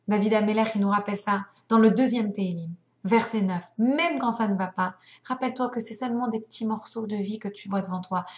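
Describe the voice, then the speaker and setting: A young adult woman teaching a spiritual lesson, telling stories in an animated way and acting out the voices. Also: on the high side. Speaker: religious teacher. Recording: roomy echo.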